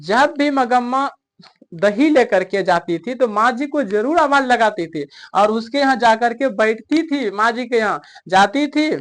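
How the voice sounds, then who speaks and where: A man's voice: very high-pitched, lively intonation, a little slow, fairly bright tone. A man teaching a story lesson, chatty and coaxing, constantly quizzing his listeners. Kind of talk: explaining a story in a recorded lesson.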